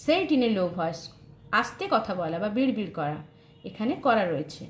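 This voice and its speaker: A woman teaching an English textbook lesson with a Bengali accent, reading English sentences slowly and then translating them. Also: medium pitch, sing-song. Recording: roomy echo, faint background noise.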